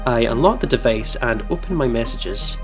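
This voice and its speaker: A man with a medium-pitched, expressive voice at a normal pace hosts a let's play, reading a visual novel aloud. He shifts between dramatic first-person narration and casual, reactive banter that includes some swearing, with game music behind him.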